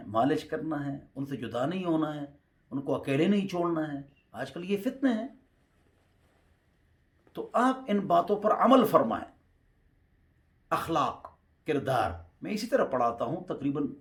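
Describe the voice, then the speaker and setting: A middle-aged man, a mufti and religious teacher from Pakistan, giving exhortative religious advice and slowly drawing out sounds to demonstrate them. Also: fairly high pitch. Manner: exhortative, drawn-out letter demonstrations.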